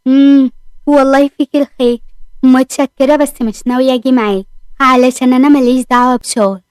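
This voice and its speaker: A stubborn young wife with an Egyptian accent, indignant and sulky, her voice high and quick, as a woman voices her. The sound is dry with no room around it. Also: fairly even intonation, a little mellow, clean tone, no echo, lightly acted. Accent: Egyptian Arabic.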